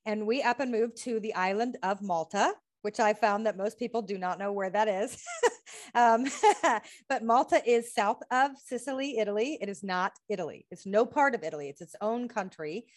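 Speaking at a moderate pace in a mid-range voice, an American author and healing practitioner appears as an interview guest. The exchange is conversational; she is earnest, runs through lists of questions, and often laughs.

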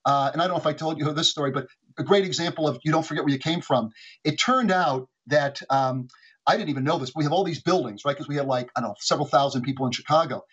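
A man with a slightly high, husky voice races through a career story, stumbling and restarting as he goes. The sound is dull and lo-fi, like a remote line. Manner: quick, animated, frequent restarts. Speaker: guest, former executive. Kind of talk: anecdotal storytelling.

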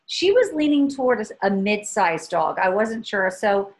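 A woman's voice: medium pitch, sing-song, normal speed, poor audio. A woman in her fifties co-hosting a casual chat, telling stories in a rambling way with many restarts. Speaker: podcast co-host.

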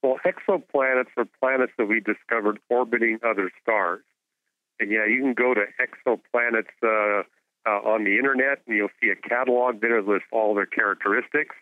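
A man with a fairly low voice explains things like a lecturer as a radio guest expert. He sounds phone-like and thin, with no room echo. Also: fairly even intonation, fairly quick. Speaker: guest expert, astronomer and author. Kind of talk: explanatory interview talk. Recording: phone-like narrow-band radio call.

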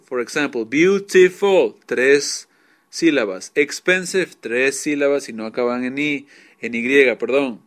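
A man's voice: on the high side, a bit bright. A man teaching English grammar, patiently explaining each rule and repeating examples in two languages.

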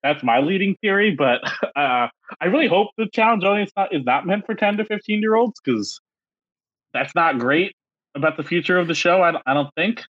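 With a voice that sits high, a man chats loosely on a casual podcast he co-hosts, animated and rambling at a moderate pace with plenty of fillers. The audio is lo-fi and dry.

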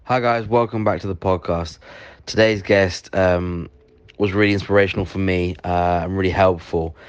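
Very deep-voiced man, slightly muffled recording. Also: steady tone, normal speed. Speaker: podcast host. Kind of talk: informal podcast introduction.

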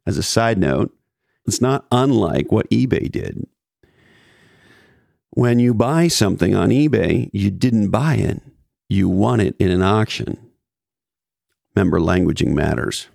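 A man's voice: on the low side, animated, unhurried, gravelly, pauses often, darkish tone, no room sound, clean studio sound. A man presenting scripted business commentary as a podcast host, with emphatic repetition and wry asides.

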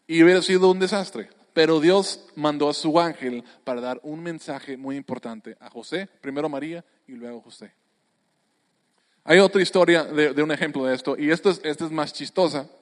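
High-voiced preacher in a reverberant hall. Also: male voice. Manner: animated, joking storyteller with frequent restarts. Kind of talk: sermon.

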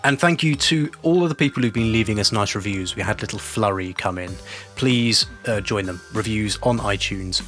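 A man's voice: fairly low pitch, normal speed, fairly bright tone, soft background music. A man co-hosting a podcast in casual chat, jokey and playful. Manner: jokey and playful, reads out show credits. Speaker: podcast co-host.

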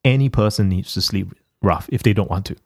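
A man's voice: on the low side, brisk, a little mellow, no room sound, clean studio sound. A man from Singapore in casual chat, rambling with many restarts and fillers.

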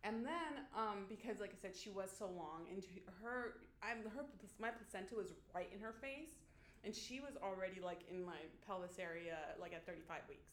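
A woman guest in a casual panel chat, telling a long story in an animated way and acting out the quotes. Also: medium pitch, normal speed. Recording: echoey room.

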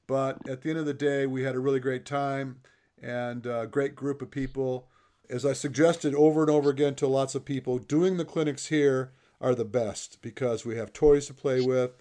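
A man's voice: medium pitch, darkish tone. A man hosting his own podcast, talking in a chatty, self-deprecating way. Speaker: podcast host. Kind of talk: casual podcast monologue.

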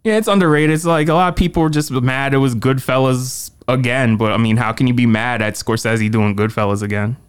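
Smooth clear-voiced guy, film podcast co-host, slangy and excited. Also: mid-range voice, fairly quick, few pauses. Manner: animated, slangy, profane. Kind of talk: casual film chat.

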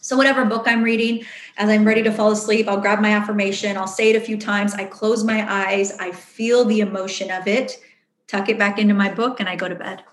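A woman's voice: mid-range voice, fairly even intonation, a little fast. Chatty woman in an echoey room. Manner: chatty, full of fillers and acted-out inner voices. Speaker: guest. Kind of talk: casual interview answers. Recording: roomy echo.

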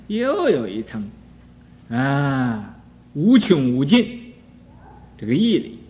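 An older man teaching Buddhist doctrine in a high, lively voice, drawing his words out slowly and scattering "ah" between phrases. He drops to near-whispers and then rises sharply. The dull archival recording carries a long hall reverb. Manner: slow, drawn-out delivery with frequent "ah" fillers, swinging between soft and loud. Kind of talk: dharma lecture on a sutra commentary.

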